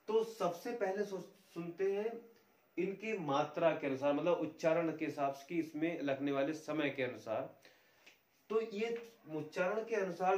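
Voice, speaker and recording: A man teaching a grammar lesson, explaining slowly and restating each point. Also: on the high side, darkish tone, echoey room, distant mic.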